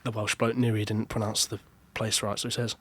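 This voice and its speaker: A man's voice: on the low side, level tone, brisk, a bit bright, no echo. A young man co-hosting a podcast, telling a story in a chatty way and laughing at his own jokes. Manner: chatty, self-amused storyteller. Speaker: podcast co-host. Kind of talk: casual podcast chat, storytelling.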